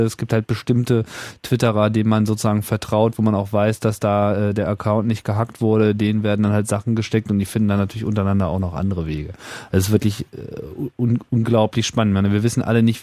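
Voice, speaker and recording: A man's voice: lowish voice, warm tone, dry recording. A man hosting a radio talk show, talking in a thoughtful, casual way with many fillers and hedges. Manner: thoughtful, lots of fillers and hedging words. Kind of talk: casual on-air discussion.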